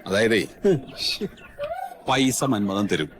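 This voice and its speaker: A fussy, lively peacemaker. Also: male voice, medium pitch, slow, gravelly, background noise, exaggerated voice. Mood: placating. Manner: placating, fussy. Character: anxious friend trying to calm a quarrel. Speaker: sitcom character.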